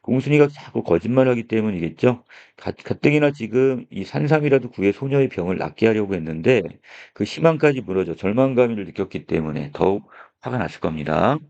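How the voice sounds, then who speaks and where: Low gravelly male teacher, explaining. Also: expressive, a little fast, few pauses, darkish tone. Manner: explanatory, opens phrases with a filler 'so'. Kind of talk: classroom lecture on a literary text. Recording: dull lo-fi recording.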